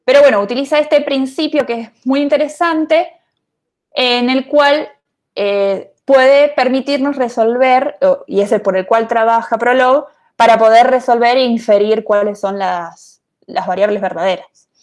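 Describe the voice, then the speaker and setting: A woman's voice: on the high side, measured pace, a little mellow. Chatty woman teaching programming. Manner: chatty, thinks aloud with many fillers. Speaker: university programming lecturer. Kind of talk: online lecture, casual explanation.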